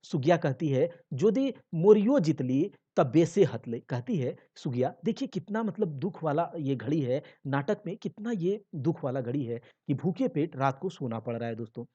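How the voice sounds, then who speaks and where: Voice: mid-range voice, lively intonation, normal speed, few pauses, dark tone, husky. A teacher explains a play line by line, repeating phrases for the class. The recording is dull and lo-fi.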